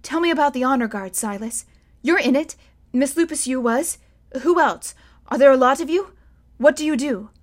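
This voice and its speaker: An earnest young man on the verge of leaving home, as a woman reading aloud puts him on. He asks eager, pleading questions, pitched a little high. The delivery is clear and lively. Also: moderate pace, natural voice.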